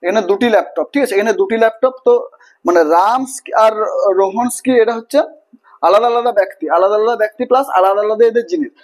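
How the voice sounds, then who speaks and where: A man's voice: sits high, fast, a little mellow. A man teaching English grammar, repeating himself, spelling words letter by letter and checking in with the class often.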